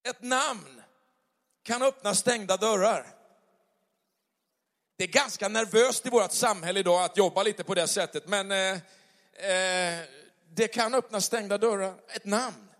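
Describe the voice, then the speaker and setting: A man's voice: sits high, pauses often, a bit bright. A man preaching a conversational sermon, chatty and full of acted-out little dialogues. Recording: long hall reverb.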